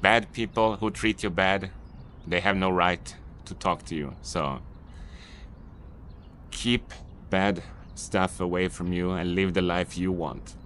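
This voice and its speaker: Speaking slowly, with frequent pauses and a steady, slightly bright tone, a Swedish vlogger and business owner addresses the camera unscripted in English. His somewhat low voice circles back over rambling, mildly annoyed advice. Faint city street ambience and slight background noise sit behind him.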